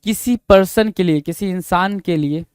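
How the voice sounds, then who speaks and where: An Indian man teaching English idioms for exams, repeating each phrase slowly and quizzing the viewer. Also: high voice, clear, resonant tone, dry recording. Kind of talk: exam-prep vocabulary lesson.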